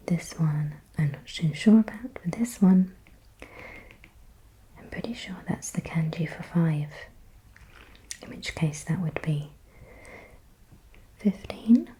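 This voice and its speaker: A woman whispering softly in ASMR style, slowly repeating words and thinking aloud as she guesses. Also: low voice, breathy edge, low-quality recording. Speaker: ASMR creator.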